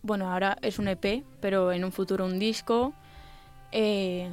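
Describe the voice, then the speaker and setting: A young woman, a singer who is a radio guest, answering in a soft-spoken, hesitant way. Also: mid-range voice, fairly even intonation, normal speed, faint music behind. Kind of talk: radio interview.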